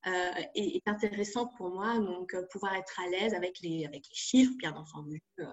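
A woman's voice: on the low side, normal speed, muffled recording. Hesitant young French woman interviewed. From France. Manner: hesitant, many fillers and restarts. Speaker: interview guest. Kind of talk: casual interview.

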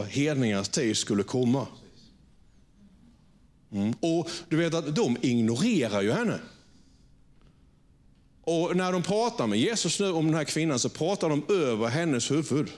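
A man's voice: mid-range voice, very animated. A pastor preaching to his congregation in a conversational way, often checking for agreement and restarting his sentences. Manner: frequent restarts and repeated words. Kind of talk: sermon. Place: church before a congregation.

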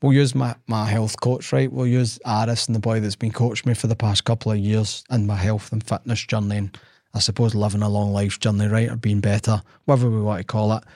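A man's voice: fairly low pitch, flat delivery, fairly quick, a little mellow, dry recording, clean studio sound. A man, co-hosting a casual podcast and telling stories with quoted dialogue. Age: 40s. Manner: storytelling, acts out quoted dialogue. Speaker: podcast co-host.

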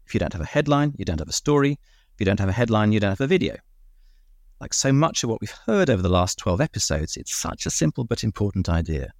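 A man hosting a podcast, reading a measured, reflective scripted summary with rhetorical asides. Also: lowish voice, gravelly, darkish tone, no echo, clean studio sound. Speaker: podcast host.

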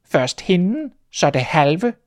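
A man reading a fairy tale aloud, voicing a timid, trusting little female mouse in a high, startled squeak. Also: very animated, darkish tone. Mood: dismayed.

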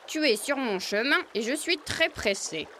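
A woman's voice: on the high side, lively intonation, normal speed, background noise, close to an everyday voice. A woman voicing a proud, stubborn and bossy male rooster in a children's storybook recording. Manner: pompous, commanding. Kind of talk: storybook acting.

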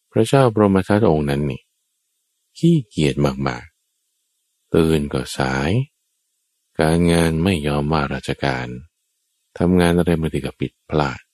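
A monk tells a Jataka tale in a sermon, his very deep voice moving at an unhurried, deliberate pace. He speaks, turns again and again to address his listeners, and his voice sounds close and dry with little room sound. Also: darkish tone, no echo. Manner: slow, deliberate storytelling that addresses listeners directly. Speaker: Buddhist monk. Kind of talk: sermon telling Jataka tales.

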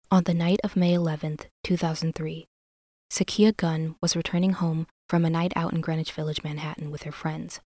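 A woman's voice: deep voice, darkish tone, no echo. A woman hosting a true crime podcast, reading scripted narration.

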